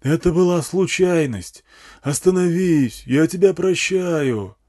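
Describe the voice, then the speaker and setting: A man's voice: fairly high pitch, slow pace, dark tone, voice pushed up. A man reading an audiobook voices a crude wasteland gang boss who bellows pleas and insults at his wife over a megaphone. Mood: pleading.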